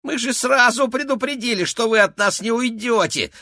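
A man voicing a greedy, squeaky, rat-like bald male bandit in an audiobook, shrill and excitable. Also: moderate pace, dry recording, clean studio sound, full character voice. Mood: taunting. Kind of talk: audiobook character voice.

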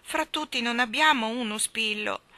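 A woman voicing an earnest young girl who speaks in a pleading, questioning way, a little higher than her own voice. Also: moderate pace, sharp tone, no echo.

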